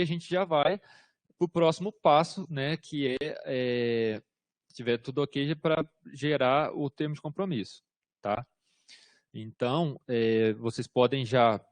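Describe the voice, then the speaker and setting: Answering questions in an online workshop, this government systems instructor from Brazil keeps things informal, hesitating with fillers and checking in by repeating "tá?". His voice is a little high, with no room sound.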